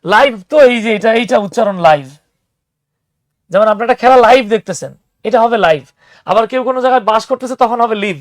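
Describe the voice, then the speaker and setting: A young man teaching spoken English in an online class, lively and teasing, explaining patiently with examples. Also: extremely high pitch, fast, no echo, studio quality.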